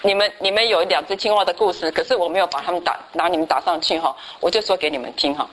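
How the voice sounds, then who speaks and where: A woman teaching a church Bible study class, telling stories and asking the class questions in a lively, chatty way. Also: fairly low pitch, fast talker, slight background noise, rough recording. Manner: lively storyteller, tags sentences with a chatty particle, asks the class questions.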